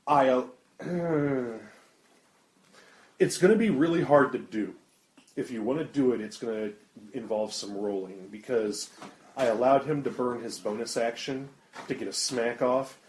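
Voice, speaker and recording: A man's voice: medium pitch, unhurried, pauses often, darkish tone. Man running a tabletop game. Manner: descriptive, rules-minded. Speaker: game master. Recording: roomy table recording.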